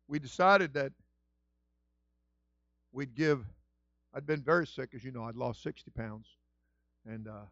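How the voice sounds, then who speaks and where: A male pastor with a high, lively voice preaches with big swings, murmuring through his stories and then shouting out his praise. The sound is dry and a little dull, with no room around it. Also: creaky, no room sound. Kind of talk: sermon.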